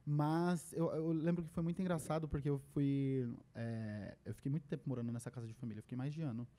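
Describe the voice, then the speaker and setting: A man's voice: fairly high pitch, quick pace. A young adult man with a Brazilian Portuguese accent, a podcast guest telling stories in casual conversation and acting out the lines he quotes. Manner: animated storyteller who acts out quoted lines.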